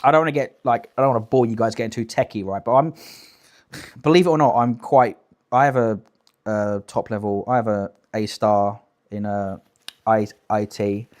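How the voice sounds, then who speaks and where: A man's voice: on the low side, steady tone, moderate pace, darkish tone. A young British man doing casual livestream reaction commentary, blunt, sweary and emphatic in an incredulous way. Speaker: live streamer commenting on clips.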